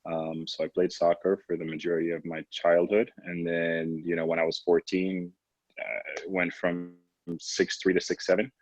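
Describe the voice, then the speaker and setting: This interview guest, a professional basketball player from Trinidad and Tobago in his late twenties, speaks in a low, flat voice at normal speed. He's conversational and reflective, peppering his speech with "you know." The podcast audio is lo-fi, roomy and a bit dull.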